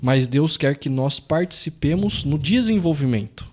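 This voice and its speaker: A man's voice: on the high side, animated, moderate pace, a little mellow. A man from Brazil, a pastor who is also a father and husband, talking earnestly and repeating phrases for emphasis. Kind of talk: casual chat.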